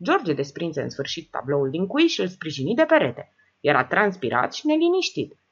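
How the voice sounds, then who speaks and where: A woman narrating an audiobook story in a calm, even storytelling manner. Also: lowish voice, slightly rough, dull audio.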